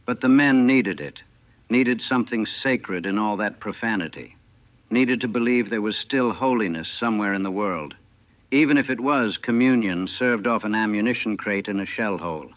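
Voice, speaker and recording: A man, a former army chaplain from the United States, recalling the war in a grave, measured and haunted way, heard on an old archival recording. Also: lowish voice, no room sound. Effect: old archival recording, narrow and tinny. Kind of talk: solemn first-person recollection. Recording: tinny, dry, lo-fi old recording.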